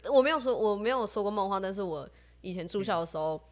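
Fast, lively young woman. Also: medium pitch. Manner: animated storyteller, laughs often, swears casually. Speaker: podcast co-host. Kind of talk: casual chat.

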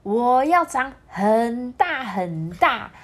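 A woman voicing an eager little boy chameleon in a read-aloud picture book, calling out his wishes with excitement. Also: on the high side, very slow, pitched above the performer's own voice, exaggerated voice.

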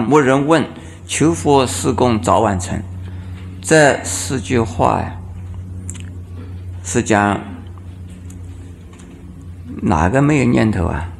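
Man, Buddhist teacher, dharma lecture, unhurried delivery, gravelly fry, rhetorical questions. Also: on the low side. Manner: explains patiently, asks the audience rhetorical questions; chants verse lines slowly.

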